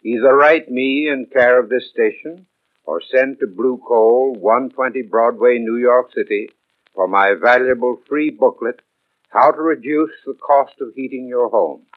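A man's voice: mid-range voice, unhurried. An American man giving a scripted old-time radio advertisement as spokesman, formal, earnest and persuasive. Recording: tinny band-limited vintage radio broadcast.

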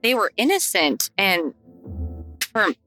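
A woman co-hosting a podcast, talking conversationally in a low, calm, unhurried voice. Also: loud music behind the voice. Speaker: true crime podcast co-host. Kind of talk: conversational case discussion.

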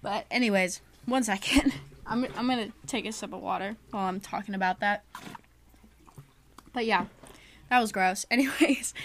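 A young woman talks straight into a close mic in a casual, chatty advice episode. Her pitch sits in the middle and she fills her talk with "like" and "you know". The sound is dry, with no room around it. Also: a bit bright, no echo. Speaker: podcast host.

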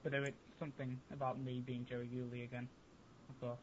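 A man's voice: medium pitch, monotone, brisk. A man with an English accent, chatting as a podcast guest and often restarting his sentences. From England. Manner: hesitant, restarts a lot. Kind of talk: casual chat. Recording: tinny phone-like line with faint hiss.

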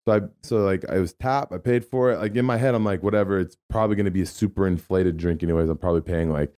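A man co-hosting a podcast, telling a story in a rambling, animated way with lots of fillers. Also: low voice, quick pace. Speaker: podcast co-host. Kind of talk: casual storytelling chat.

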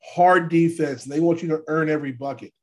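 A man with a fairly high-set voice that sounds stuffed up and a bit gravelly with allergies. He hosts a sports podcast in a loose, chatty way, often restating a point as he works through it. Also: steady tone, brisk. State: congested from allergies. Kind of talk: casual sports podcast chat. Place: podcast studio.

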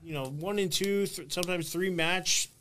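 A man with a fairly high voice chats casually on a wrestling panel. His delivery is halting, and he often repeats words before finishing a thought. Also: a bit bright, slight background noise. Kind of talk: casual chat.

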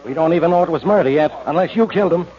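An American actor playing a curt, bossy, suspicious police inspector in a 1940s radio drama. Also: male voice, on the high side, racing, a little hiss or hum, natural voice. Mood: bossy, barking. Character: gruff, blustering, suspicious male police inspector. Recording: muffled old radio recording.

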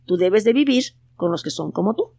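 A storyteller voicing a mysterious elf in a children's tale, speaking quietly and firmly. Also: medium pitch, animated, brisk, gravelly, no echo. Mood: stern. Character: mysterious elf who leads a lying boy away.

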